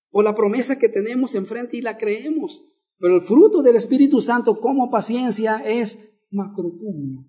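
A pastor delivers a teaching sermon, pausing to repeat key words and ask the congregation questions. His voice is high for a man, but mellow and warm rather than bright.

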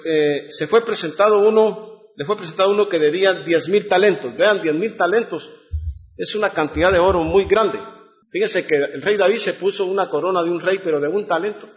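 A man's voice: high voice, moderate pace, dull audio. A man preaching a sermon, reading scripture and asking the congregation rhetorical questions.

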